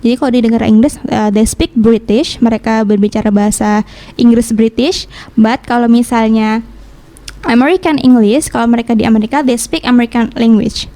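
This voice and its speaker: A woman's voice: fairly high pitch, fairly even intonation, fairly quick, dark tone. A woman from Indonesia giving a casual English lesson on the radio, switching between Indonesian and English and explaining patiently with examples. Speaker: English teacher.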